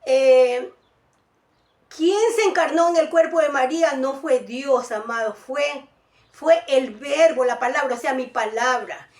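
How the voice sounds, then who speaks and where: A woman's voice: high voice, a little slow, reverberant, distant mic. A woman preaching a sermon, often calling her listeners beloved, with many restarts as she explains. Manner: calls listeners "amados" often, restarts and fillers.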